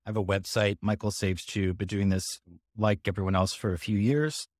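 Male guest, low pitch, dry close sound, easygoing and plainspoken. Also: fairly even intonation, normal speed, no room sound. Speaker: guest YouTuber.

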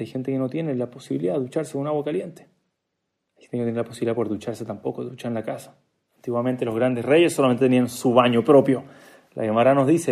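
A man's voice: mid-range voice, gravelly, a little mellow. A man giving a storytelling religious talk, acting out the dialogue he quotes and making joking asides to his listeners. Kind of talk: storytelling sermon.

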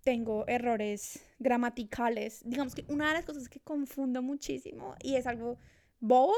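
A woman's voice: on the high side, steady tone, moderate pace, a little mellow. A woman in her thirties chatting casually and reflectively, with many restarts. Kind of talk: casual conversation. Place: Australia.

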